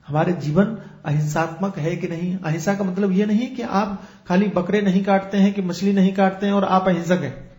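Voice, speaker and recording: A man's voice: high voice, fairly even intonation, normal speed, darkish tone, roomy sound, lo-fi sound. A man who is a spiritual teacher, giving a discourse and explaining with everyday examples and rhetorical questions.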